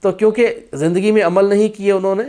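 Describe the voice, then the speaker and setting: A man explaining a spiritual practice in a firm instructional talk, with stretches of slow chanted recitation. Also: sits high, steady tone, warm tone.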